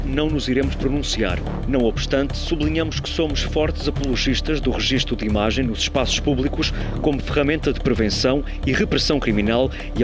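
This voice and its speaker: A man reading a formal scripted official statement. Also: medium pitch. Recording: loud music bed behind voice.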